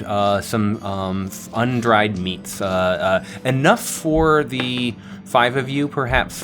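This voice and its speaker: A man improvising narration as game master of a tabletop game, with halting, wordy, formal phrasing. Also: fairly low pitch. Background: guitar music.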